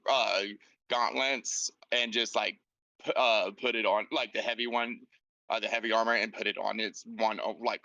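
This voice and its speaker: A man playing a tabletop game over voice chat, talking in halting, rambling bursts full of fillers as he describes what his character does. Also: medium pitch, bright, forceful tone, no room sound, dull audio. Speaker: player.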